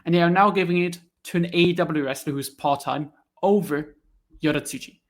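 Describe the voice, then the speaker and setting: A man's voice: a little high, a little fast. Fuming male wrestling reviewer. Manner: heated ranting, swears, frequent fillers. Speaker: wrestling review channel host. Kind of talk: solo opinion commentary.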